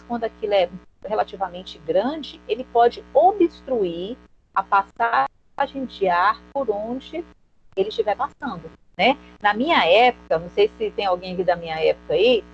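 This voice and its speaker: A Brazilian woman with a fairly high voice teaches step by step, often checking in with her listeners. The recording is dull and lo-fi, with a steady mains hum and faint music underneath. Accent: Brazilian Portuguese. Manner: explanatory, asks questions and answers them, often adds "tá?". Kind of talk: recorded lesson on human anatomy.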